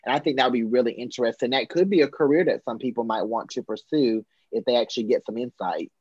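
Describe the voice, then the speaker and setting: A man teacher in a book club discussion, telling stories in an animated way. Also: medium pitch, fast talker, breathy edge, no echo, muffled recording. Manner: animated storyteller.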